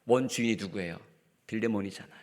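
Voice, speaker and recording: Male pastor, 40s, sermon delivery; lively, theatrical, shifts between loud and hushed. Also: lowish voice, quick pace. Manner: animated preaching, acting out quoted lines, dropping to a hushed whisper. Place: church sanctuary.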